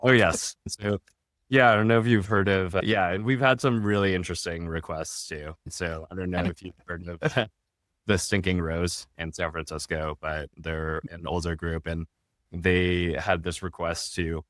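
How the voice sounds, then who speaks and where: Here a man speaks at normal speed on a podcast as a guest, a restaurant tech founder with a low-pitched, slightly bright voice and fairly even intonation. His casual, steady explanations include small restarts and a recurring questioning "right?" after his points. The studio sound is clean, with no echo.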